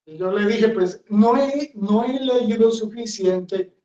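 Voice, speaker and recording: A friar preaches a homily in a chapel, blunt, rambling and conversational. His voice sits high, slow and warm, and the recording sounds roomy, distant and dull.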